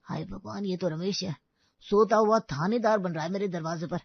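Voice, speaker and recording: A woman's voice: fairly low pitch, moderate pace, gravelly, breathy edge, dry recording, dull audio. A woman doing a startled male neighbour. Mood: alarmed. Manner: alarmed and exasperated.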